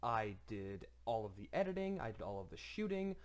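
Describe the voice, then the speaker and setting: A man's voice: lowish voice, sing-song, moderate pace. A young man casually commenting on his own showcase, enthusiastic, laughing often and using many fillers.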